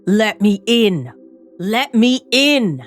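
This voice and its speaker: A woman's voice: medium pitch, very animated, drawn-out words, soft background music. A woman voicing a brutish male island monster who slurs and spits his words. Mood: desperate. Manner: slurred, spitting.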